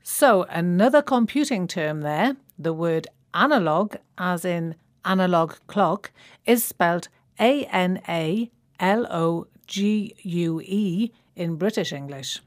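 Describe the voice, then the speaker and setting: A woman's voice: fairly low pitch, animated, slow, no room sound. Woman hosting a language lesson, spells stuff out letter by letter, dry close mic. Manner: clear, spells words out letter by letter. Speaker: presenter.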